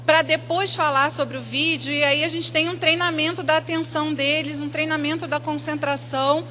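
A woman teacher explaining school activities in a steady, explanatory way. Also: sits high, slight background noise.

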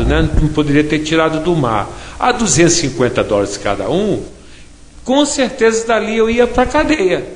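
A man's voice: high voice, a little hiss or hum. Brazilian man telling a story in an echoey hall. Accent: Brazilian Portuguese. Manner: chatty, frequent tag questions. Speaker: interviewee. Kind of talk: casual anecdotal storytelling. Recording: echoey hall with faint ambience.

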